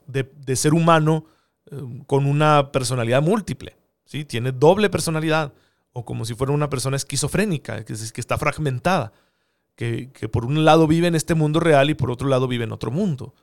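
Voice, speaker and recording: A man's voice: mid-range voice, a little fast. A man giving an earnest theological teaching talk, often asking rhetorical questions. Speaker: preacher.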